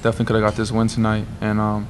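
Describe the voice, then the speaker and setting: A young man, a college quarterback, answering questions at a post-game press conference, steady and full of "you know". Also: fairly low pitch, very fast, a little hiss or hum. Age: young adult. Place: press room at a table before a sponsor backdrop. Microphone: table mic on a stand.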